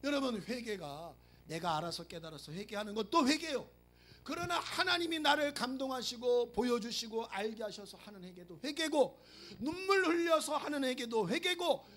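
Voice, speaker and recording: Animated high-voiced male pastor preaching. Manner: animated, acts out prayers and quotes, jokes with the congregation. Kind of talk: sermon. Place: church sanctuary.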